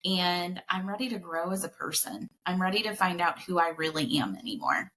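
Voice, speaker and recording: Bright-voiced woman in her forties. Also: on the low side, animated, fairly quick. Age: 40s. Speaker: podcast guest, senior care advocate. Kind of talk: casual chat.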